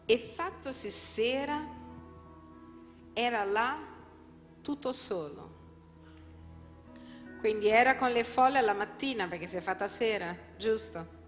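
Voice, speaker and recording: A woman pastor preaches with emphasis and often turns to her listeners with rhetorical questions. Her voice sits a little high, and a long reverb trails each phrase. Soft music plays faintly underneath. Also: measured pace, pauses often. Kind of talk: sermon. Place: church hall.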